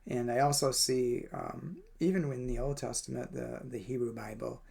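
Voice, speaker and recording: A man's voice: medium pitch, moderate pace, gravelly, a little mellow, slightly rough. A man reading a daily devotional and sharing his own thoughts, speaking thoughtfully with frequent hesitations and fillers. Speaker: devotional reader and commentator. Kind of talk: reflective spoken devotional.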